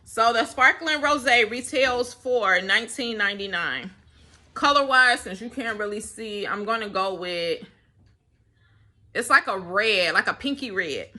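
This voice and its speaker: A woman's voice: fairly high pitch, animated, a little slow, sharp tone. A young woman vlogging in a casual, rambling chat, laughing often between thoughts. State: slightly winded.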